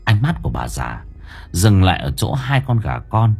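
Gravelly husky guy reading a creepy audio story, slow and suspenseful. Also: fairly low pitch, sing-song, darkish tone, soft background music. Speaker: audiobook narrator. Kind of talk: dramatic storybook narration.

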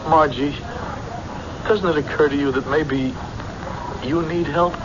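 A man's voice: on the high side, steady tone, a little slow, natural voice. A man acting a defensive, dreamily obsessed husband, earnest and insistent, in old-time radio drama style. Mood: fervent, dreamy. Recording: muffled, noisy old radio recording.

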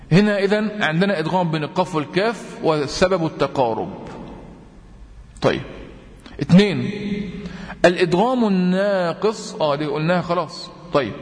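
A man with an Egyptian accent teaching tajweed, quizzing his students with repeated questions and chanting verse examples slowly. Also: on the high side. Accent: Egyptian Arabic. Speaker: Quran recitation teacher. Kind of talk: tajweed lesson. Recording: long reverb.

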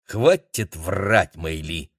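A man's voice: low voice, animated, takes it slowly, dry recording, studio quality, exaggerated voice. A man doing a fretful, lamenting old hotel keeper. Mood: aggrieved. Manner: lamenting, exasperated.

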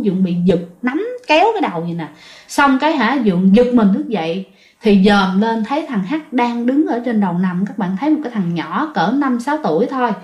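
A woman's voice: a little high, lo-fi sound. A woman narrating a ghost story in a chatty way, talking directly to her listeners. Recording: roomy echo.

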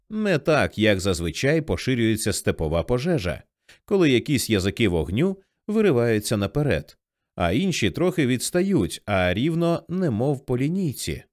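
A man narrating a novel as an audiobook in a vivid, expressive storytelling manner. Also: medium pitch, moderate pace, no echo, studio quality.

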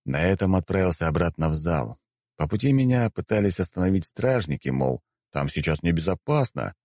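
Male audiobook narrator, very low and lively, calm and wry first-person delivery. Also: fairly quick, no room sound.

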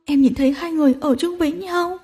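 A woman's voice: very high voice, quick pace, mellow, pitched above the performer's own voice. A woman reading a storybook and voicing a tearful, clingy young woman who pleads between sobs. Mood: sobbing, pleading. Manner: sobbing, pleading, breathy.

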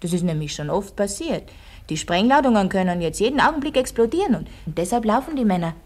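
In a radio drama, a woman plays an Austrian village schoolteacher who quizzes her pupils and tells them a heroic tale with didactic emphasis. Her mid-range voice is very animated, fast and a little mellow, and the mood is dramatic and suspenseful.

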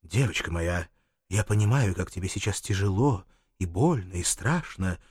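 A man voicing a gentle, patient male angel in an audiobook, speaking in a soothing way. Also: deep voice, expressive, moderate pace, breathy edge, dry recording, studio quality.

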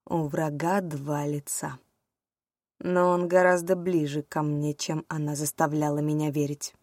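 A woman voicing a cold, menacing male villain who speaks low and slow in an audiobook. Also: flat delivery, a little mellow, no room sound, clean studio sound. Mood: cold menace.

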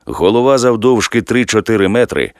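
A man narrating an audiobook in a steady, measured reading. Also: lowish voice, no room sound, studio quality.

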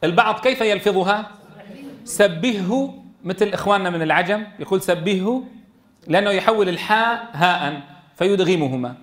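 A fairly high-voiced man leads a tajweed class. He quizzes his students by name and draws the verses out slowly when he recites them. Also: a bit bright. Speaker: Quran recitation teacher.

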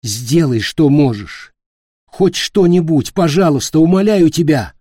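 An urgent, begging young man in a storybook, as a male reader plays him. His voice rises well above the narrator's and grows loud. Dry and close with a husky edge. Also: a little high, expressive, measured pace, dry recording, pitched above the performer's own voice. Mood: pleading. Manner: pleading, urgent.

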